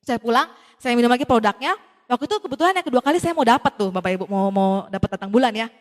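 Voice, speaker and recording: A woman tells an audience a personal story in a quick, lively way. She acts out the dialogue and keeps speaking to her listeners directly. Her voice carries a long hall reverb. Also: on the high side. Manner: addresses the audience often. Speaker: speaker giving a testimony.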